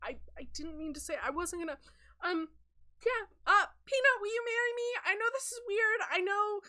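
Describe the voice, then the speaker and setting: A nervous young cartoon character, voiced by a woman, stumbling over words in a flustered rush. The voice sits high and bright, full of restarts and stammers. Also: moderate pace.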